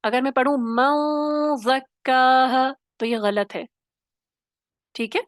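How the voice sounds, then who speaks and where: A woman's voice: on the high side, moderate pace, no room sound, clean studio sound. A woman teaching Quran recitation online, who explains patiently step by step and keeps checking in with her students. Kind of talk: online tajweed class.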